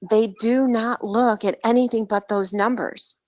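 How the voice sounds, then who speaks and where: A woman's voice: a little high, fairly even intonation, unhurried. Emphatic woman on a group voice call. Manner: emphatic, outspoken. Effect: heard over a group voice call. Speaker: dental practice coach. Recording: dull lo-fi call audio.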